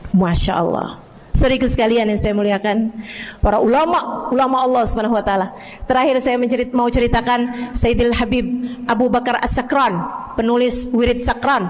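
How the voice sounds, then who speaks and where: A woman preacher telling stories in a lively, animated sermon, addressing her audience directly. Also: on the high side. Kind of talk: storytelling sermon. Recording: long hall reverb.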